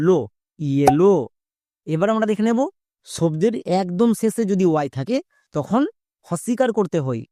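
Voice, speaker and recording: Mellow-voiced teacher drilling spelling rules. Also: mid-range voice, no room sound, studio quality. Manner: spells out sounds step by step and checks in with quick questions; repetitive, patient explaining. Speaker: English pronunciation teacher. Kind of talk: spoken spelling lesson.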